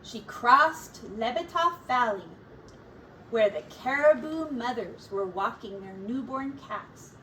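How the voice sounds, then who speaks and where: A high-voiced woman reads a children's story aloud like a teacher, unhurried, molding phrases expressively and deliberately for little ones. Her intonation is lively, pushed and bright, and the recording is slightly distant from the microphone with faint noise in the background.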